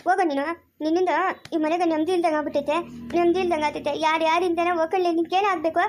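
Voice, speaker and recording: A woman playing a furious scolding mother, high and quick. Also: fairly even intonation, faint music behind. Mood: angry scolding. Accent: rural Chikkaballapur Kannada. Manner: scolding, repeats her questions over and over. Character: angry mother scolding her young son. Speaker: actor in a family drama. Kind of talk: amateur family drama acting.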